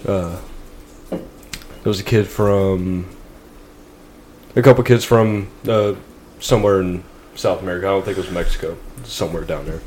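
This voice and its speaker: Rambling, hesitant low-voiced man. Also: steady tone, normal speed, long pauses, darkish tone, slight background noise, low-quality recording. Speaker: podcast co-host. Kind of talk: casual chat.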